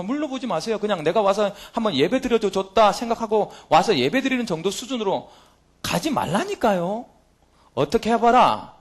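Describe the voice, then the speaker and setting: Animated high-pitched Korean pastor preaching. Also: male voice. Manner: animated preaching, rhetorical questions, acts out God's words. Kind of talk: sermon. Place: church sanctuary.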